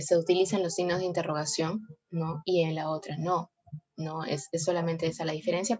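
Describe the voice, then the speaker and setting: A woman explaining grammar in a class, often checking with "¿no?" and correcting herself. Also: lowish voice. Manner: frequent tag "¿no?" and self-corrections. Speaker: teacher. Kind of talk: explaining sentence types in a class.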